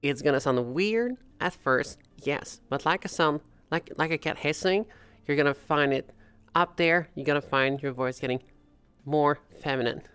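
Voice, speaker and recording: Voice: mid-range voice, moderate pace, a bit bright, clean tone, no echo. Chatty voice coach with a Quebec French accent. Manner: chatty, demonstrates sounds mid-sentence. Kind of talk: casual tutorial.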